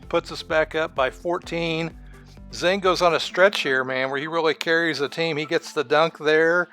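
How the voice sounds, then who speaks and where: Excited man calling game highlights. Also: clean tone. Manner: excited play-by-play, laughs often, loses track of score. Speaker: gaming commentator. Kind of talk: casual game commentary.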